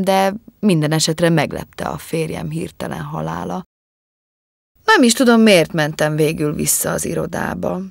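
Woman reading a young woman poisoner, icy, controlled, commanding, gravelly, dry audiobook sound. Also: lowish voice, no echo. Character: young woman calmly confessing, icy and composed.

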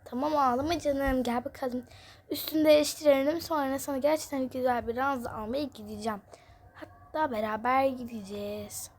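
A patient young mother who soothes and coaxes her tired child, as a woman plays her. Her voice is high and gentle, in a game role-play. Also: fairly even intonation, a little fast. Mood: coaxing. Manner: soothing, coaxing.

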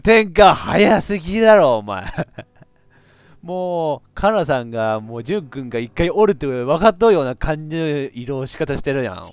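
A man with a giving excitable let's play commentary on a horror game, reacting loudly and laughing often. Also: mid-range voice, normal speed, smooth, no echo. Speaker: VTuber game streamer.

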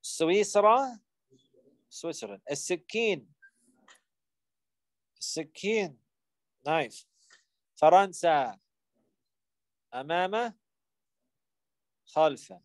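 A man's voice: high-pitched, animated, slow pace, pauses often, dry recording. A man teaching an Arabic grammar class, repeating key terms, quizzing his students and sometimes explaining in English.

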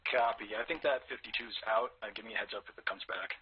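A man's voice: fairly low pitch, quick pace, lo-fi sound, slight background noise. A man making clipped military radio calls over a walkie-talkie while playing a squad game. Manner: clipped radio procedure talk.

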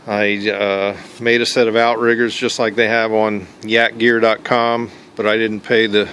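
A man walking through his homemade kayak fishing setup outdoors in a relaxed, plain-spoken way, pausing often with "uh". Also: on the low side, a little hiss or hum. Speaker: kayak angler showing his gear. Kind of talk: casual show-and-tell walkthrough. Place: outdoors on a paved driveway.

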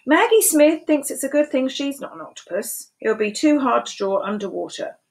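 With a high-pitched voice full of big pitch swings, a woman in her sixties reads a picture book to young children at a fairly quick pace. She uses a sing-song storytelling voice and asks them questions. A webcam at her desk records her in a small room at home.

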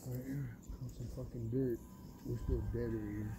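A man's voice: mid-range voice, flat delivery, moderate pace, mellow, a little hiss or hum. A man riding a mountain chairlift outdoors, nervous and swearing in yelped exclamations. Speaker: passenger on a chairlift. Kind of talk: casual chat.

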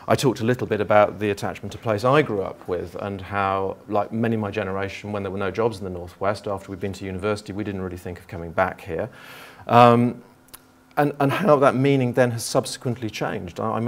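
A middle-aged man from Liverpool giving a conference talk to geography teachers in a lecture theatre, thinking aloud with frequent restarts. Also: fairly low pitch. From Liverpool, England.

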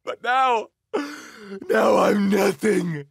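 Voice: medium pitch, wildly swooping pitch, takes it slowly, sharp tone, dry recording, studio quality, heavily acted. A performer voicing a melodramatic, boastful young male wizard who swings from grand speeches to sobbing.

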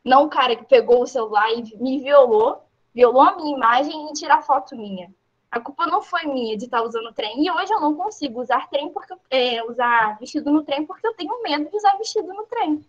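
Woman, high voice, emphatic personal account, repeats herself, fillers, dull lo-fi sound. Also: animated, a little fast. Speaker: workshop participant. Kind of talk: personal account in a group session. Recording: dull lo-fi audio.

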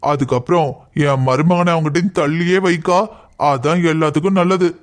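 A man's voice: a little high, steady tone, normal speed, close to an everyday voice. A man playing a scheming younger brother. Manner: conspiring, giving advice bluntly. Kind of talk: cartoon voice acting.

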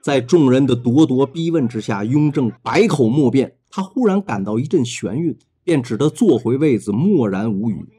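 Husky mellow male storyteller. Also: mid-range voice, moderate pace, few pauses. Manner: dramatic, expressive. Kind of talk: novel retelling narration.

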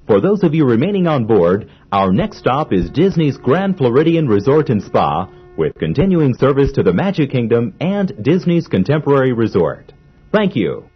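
A man giving polite, measured onboard train announcements in a formal manner. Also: medium pitch, sing-song, breathy edge. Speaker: transit announcer. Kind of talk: recorded monorail announcements. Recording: dull lo-fi old recording.

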